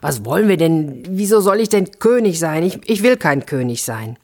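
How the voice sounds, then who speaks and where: A woman's voice: sits low, sing-song, normal speed, a little mellow, full character voice. A woman voicing a poor, meek fisherman in a fairy tale, worried and reluctant, chanting his rhyme in a sing-song. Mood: fretful.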